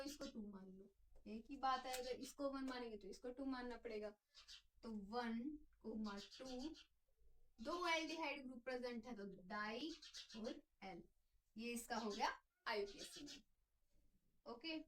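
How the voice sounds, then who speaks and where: A woman's voice: high voice, distant mic, poor audio. A woman teaching a chemistry lesson, explaining step by step and answering her own questions as she goes. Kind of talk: classroom lecture.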